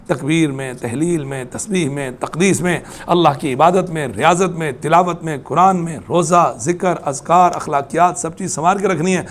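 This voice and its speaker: A man leads a religious lesson. He keeps asking the class questions and answers them himself. He chants the scripture verses in a slow, drawn-out way. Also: a little high. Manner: quizzes the class with repeated questions; chants Quranic verses slowly. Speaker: Quran teacher.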